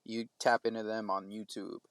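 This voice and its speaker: A man's voice: fairly low pitch, level tone, moderate pace, dry recording. A man talking casually on a podcast, rambling with many stops and restarts.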